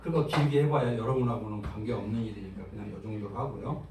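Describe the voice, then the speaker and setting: A man's voice: lowish voice, steady tone, fast talker, background noise. A man preaching a sermon as pastor, talking conversationally and asking the congregation questions. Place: church sanctuary. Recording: roomy church sound from a distance.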